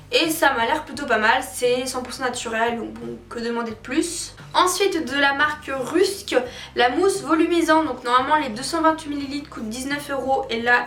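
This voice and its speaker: A woman's voice: high voice, fairly bright tone. A woman chatting casually to viewers as a beauty vlogger reviewing products, candid and opinionated in colloquial wording. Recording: roomy echo, distant mic, faint music behind.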